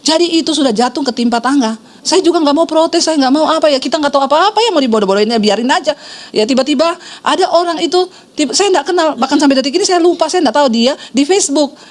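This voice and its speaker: A fast-speaking middle-aged pastor, a woman with a high voice, preaches through storytelling and shifts energetically into the voices of the people she quotes.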